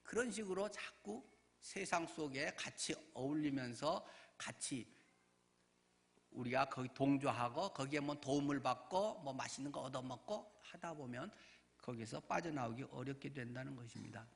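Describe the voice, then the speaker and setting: A male pastor giving a sermon, telling the story in a lively way and acting out the voices of the people in it. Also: mid-range voice, normal speed, vocal fry. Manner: animated storytelling, acts out voices.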